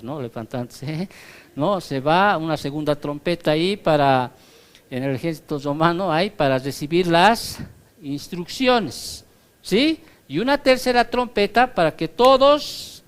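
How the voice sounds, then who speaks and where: A male pastor with a fairly high, smooth voice gives a Bible study sermon in a conversational teaching tone. He explains through comparisons and keeps checking that his listeners are following.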